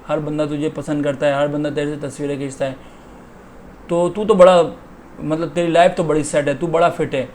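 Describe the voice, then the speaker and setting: A man's voice: fairly high pitch, darkish tone, slight background noise, close to an everyday voice. A man voicing an unhappy male crow who feels nobody values him, speaking in a plain complaining tone.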